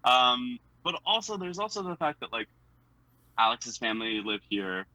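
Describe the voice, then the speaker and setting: A man's voice: medium pitch, very animated, normal speed, sharp tone, no room sound, low-quality recording. A young American man with a General American accent, chatting as a guest with lots of fillers and little laughs. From United States. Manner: hesitant, filler-heavy talk with frequent laughs. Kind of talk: casual chat.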